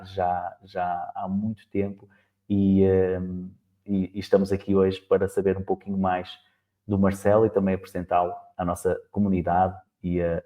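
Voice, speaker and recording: A man with a European Portuguese accent hosting a casual podcast interview, talking fast with halting restarts. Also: low-pitched, dark tone. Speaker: podcast host. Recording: tinny phone-like line.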